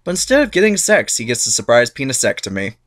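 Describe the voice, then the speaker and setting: A sarcastic male narrator reads myths as a comic, irreverent monologue, punching his jokes hard. His mid-range, fairly bright voice is quick and sing-song, swinging up and down with animation in this comic dramatic reading.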